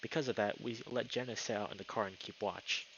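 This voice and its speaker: Live streaming a game, a man chats casually and reads the story text aloud, now and then tripping over his words. His voice is lowish, brisk and fairly bright with fairly even intonation. The audio, from a noise-filtering streaming mic, sounds dull with slight background noise.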